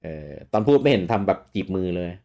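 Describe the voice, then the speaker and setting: A man's voice: on the low side, expressive, fast talker, vocal fry, dark tone. A man co-hosting a casual gaming chat, reading out listener comments and laughing often. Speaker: podcast co-host.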